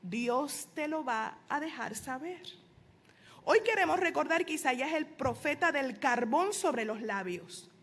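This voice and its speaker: A middle-aged woman pastor, preaching a sermon with emphatic rises and soft asides. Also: high voice, animated, unhurried.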